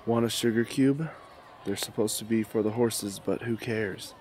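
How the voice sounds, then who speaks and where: Suave, low-voiced Finnick Odair, played by a man. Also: normal speed, darkish tone, lightly acted. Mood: teasing, suave. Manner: suave, teasing, insinuating. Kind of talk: amateur radio drama acting.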